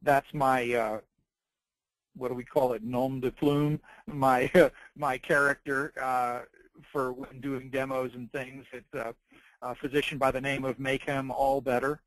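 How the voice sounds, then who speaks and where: A man presenting an informal product tutorial, explaining things in a halting, piecemeal way. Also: medium pitch, flat delivery, no echo, low-quality recording. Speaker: presenter demonstrating dictation devices and software. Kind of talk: informal product tutorial narrated over slides.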